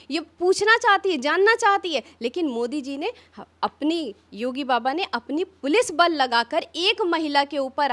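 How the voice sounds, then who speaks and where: A woman's voice: high-pitched, fairly bright tone. A woman politician giving an impassioned interview, firing rhetorical questions one after another. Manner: fiery, rapid rhetorical questions. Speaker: opposition politician.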